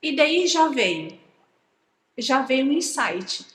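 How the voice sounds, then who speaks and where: A woman's voice: high-pitched, very animated, takes it slowly, roomy sound, big-room sound, poor audio. A woman talking in a casual, reflective vlog, often repeating words and asking her listener if they understand. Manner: reflective, repeats words, frequent "entende?" tags. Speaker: channel host. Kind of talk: casual personal vlog on manifestation.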